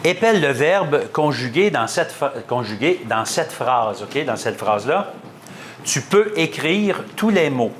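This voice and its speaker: A man with a Québécois accent hosting a school quiz game, reading questions and ruling on answers at a quick clip. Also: fairly high pitch, big pitch swings, a little hiss or hum. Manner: brisk, quick-paced quizmaster, reads questions and rules on answers. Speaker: quiz show host.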